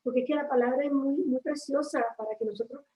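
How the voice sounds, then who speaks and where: A woman's voice: high-pitched, steady tone, fast, echoey room, recorded from a distance, muffled recording, slight background noise. A woman from a church ministry, reflecting on faith in a casual chat and checking for agreement with tag questions.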